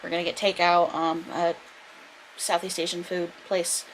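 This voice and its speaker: A woman's voice: lowish voice, flat delivery, moderate pace. A woman chatting casually in a home vlog, rambling with many fillers, her throat a little dry and scratchy, recorded on a small camera's built-in mic. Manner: rambling, filler-heavy talk. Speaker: vlogger. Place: at home indoors. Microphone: compact vlogging camera's built-in mic.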